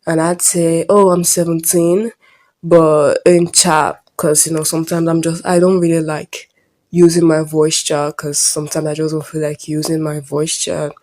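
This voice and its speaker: Soft-spoken Nigerian teen girl, mellow. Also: deep voice, flat delivery, normal speed. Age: late teens. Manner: rambling and hesitant, often trailing off quietly. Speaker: vlogger. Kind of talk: casual storytime vlog.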